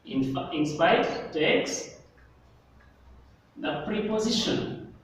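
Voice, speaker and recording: A man teaching an English grammar lesson, speaking slowly and repeating and stressing key words, recorded in a classroom. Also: sits high, expressive. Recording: echoey hall, mic far off, faint noise.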